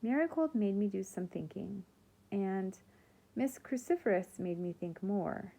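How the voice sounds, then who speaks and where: A woman reading aloud, voicing an earnest young schoolgirl with water magic who talks in a gentle, coaxing way. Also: mid-range voice, animated, unhurried, creaky.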